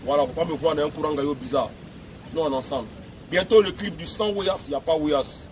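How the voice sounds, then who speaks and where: A man's voice: fairly high pitch, fast, a little hiss or hum, poor audio. A man giving an emphatic, repetitive video message outdoors at a beach. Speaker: music personality addressing fans.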